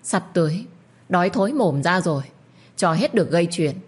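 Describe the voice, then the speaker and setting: A woman voicing a violent older lord in an audio story, hissing and ranting loud threats. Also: lowish voice, big pitch swings, fairly quick, slightly rough, heavily acted. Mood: enraged. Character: older male lord, violent, enraged, ruthless.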